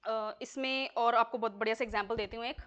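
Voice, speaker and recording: Woman, high voice, coaching class, patient step-by-step explaining, frequent check-ins. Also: fairly even intonation, fast, a bit bright. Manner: explanatory, checks in with students often. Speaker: English teacher. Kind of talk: exam coaching lesson in Hindi with English examples.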